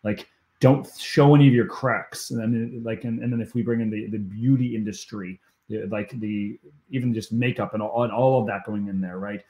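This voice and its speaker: A man's voice: on the low side, steady tone, moderate pace, warm tone. A man hosting a coaching podcast, talking enthusiastically in casual conversation and often stumbling over repeated words.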